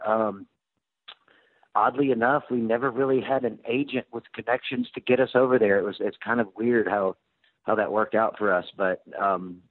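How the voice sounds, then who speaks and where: Over a thin, band-limited phone line, an American man talks in a fairly low voice. He is an interview guest, chatting in a laid-back, informal and slightly halting way. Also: dry recording. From United States. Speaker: interview guest, rock drummer. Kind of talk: casual chat.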